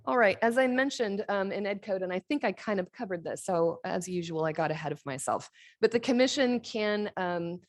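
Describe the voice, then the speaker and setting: A woman's voice: mid-range voice, expressive, moderate pace. A middle-aged woman on commission staff giving a conversational workshop presentation, with frequent fillers.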